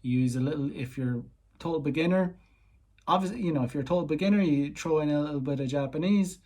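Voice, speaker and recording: A man's voice: on the high side, fast, darkish tone. A man from Ireland, talking casually and rambling with many fillers as he gives dating tips and translates simple Japanese phrases. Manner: rambling, heavy on "you know" fillers; slips in basic Japanese phrases and translates them. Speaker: dating coach. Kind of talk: casual explanatory vlog talk.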